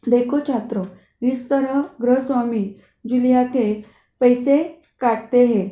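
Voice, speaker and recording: A woman's voice: a little high, fairly even intonation, slow pace, warm tone. A woman teacher reading a play aloud to her class, stopping to explain words step by step. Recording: echoey room.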